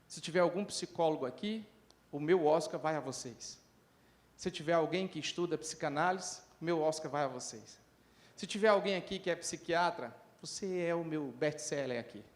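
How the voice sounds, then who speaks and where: A middle-aged man giving a lively conference talk, telling stories and acting out the people in them. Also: fairly high pitch, normal speed. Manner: lively, acts out dialogue in different voices. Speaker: lecturer at a conference.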